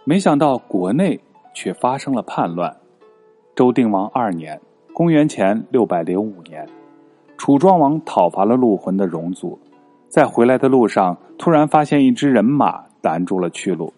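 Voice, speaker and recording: Warm, husky father telling stories. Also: lowish voice, moderate pace. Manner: expressive, animated. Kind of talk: children's history storytelling. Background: faint guitar music.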